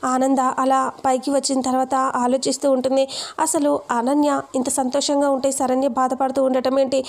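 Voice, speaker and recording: A woman's voice: high-pitched, a little mellow. A woman casually retelling a TV serial episode, quoting each character's lines in her own voice. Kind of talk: casual spoken plot retelling.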